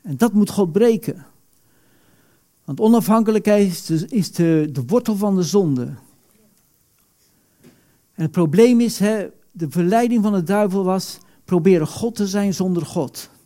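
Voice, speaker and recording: Animated high-voiced preacher. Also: male voice, unhurried, long pauses. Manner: animated, acts out quoted prayers with sudden loud outbursts. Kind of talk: sermon.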